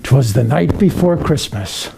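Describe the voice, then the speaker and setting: A man playing a jolly, kindly old Santa Claus, reading a children's Christmas poem aloud in an expressive, unhurried storytelling manner. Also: mid-range voice, creaky, background noise. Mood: warm storytelling.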